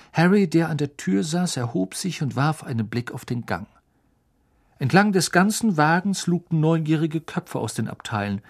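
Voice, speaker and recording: A man narrating an audiobook in a lively, dramatic reading style. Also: mid-range voice. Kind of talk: scripted narration.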